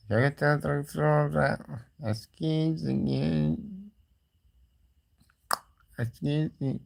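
A man playing a junk peddler, hawking his wares in a melodic, drawn-out street vendor shout. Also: a little high, gravelly, voice pushed up, full character voice.

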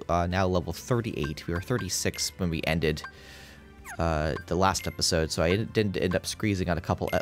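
Low-voiced rambling gaming host. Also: male voice. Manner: rambling, many fillers and restarts. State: groggy morning voice. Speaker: let's play host. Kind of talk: casual gameplay commentary.

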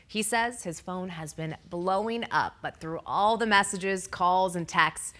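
A woman's voice: lowish voice, a little slow, fairly bright tone. A woman in her thirties reading a scripted sports news introduction with a polished presenter's delivery. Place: indoor TV studio at a desk.

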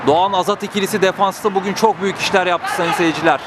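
A man's voice: steady tone, fast, a loud crowd. A man giving live football play-by-play in short, clipped phrases. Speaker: football match commentator. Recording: noisy outdoor pitch recording.

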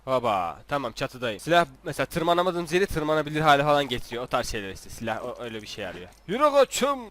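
An excitable young man chats his way through a video game, joking and teasing the characters as he plays. His pitch swings widely, and his voice sits a little high for a man. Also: a little hiss or hum. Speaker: gaming YouTuber. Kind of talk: casual Let's Play commentary.

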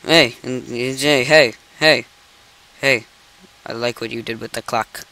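The host of a gaming channel, a young man, narrates his let's play with growing exasperation, repeatedly shouting "no" in disbelief. He talks slowly in a pushed, bright, mid-range voice with fairly even intonation, on a rough recording.

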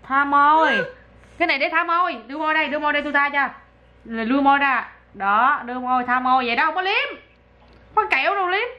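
A young mother chats casually to her viewers while coaxing her toddler at home, her voice pitched fairly high and sing-song. A faint hiss sits under the camera-mic sound. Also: fairly bright tone. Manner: chatty, coaxing, sing-song talk to a child. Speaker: vlogger, mother.

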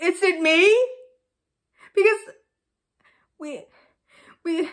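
A young woman performing a dramatic monologue as a heartbroken girlfriend, crying and pleading in halting, sorrowful disbelief. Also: very high voice, a bit bright, exaggerated voice. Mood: tearful disbelief. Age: young adult. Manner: tearful tragic heroine sorrow, halting, pleading. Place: small plain room indoors.

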